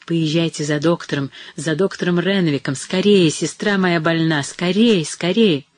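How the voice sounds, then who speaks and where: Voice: medium pitch, lively intonation, normal speed, no echo, natural voice. A reader voicing a young woman frantic with grief over her sister, crying out in a broken, sobbing voice.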